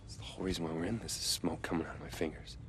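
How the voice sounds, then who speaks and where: An actor playing a brash, guilt-ridden young man with a gravelly voice in a video game. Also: low-pitched, fairly even intonation, racing, fairly bright tone, a little hiss or hum. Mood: guilty, grim. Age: young adult. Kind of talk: naturalistic video game acting.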